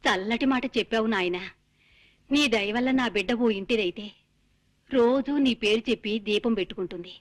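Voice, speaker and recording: A woman's voice: mid-range voice, a little fast, lightly acted. An actress playing a sickly, hard-of-hearing old mother who complains fretfully in a film drama. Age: older.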